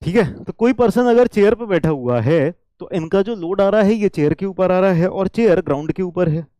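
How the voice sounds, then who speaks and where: An animated man with a high-sitting, warm voice lectures on engineering at a slightly fast pace in a dry recording. He keeps asking if students follow, repeats the main points, and sometimes switches to English lines.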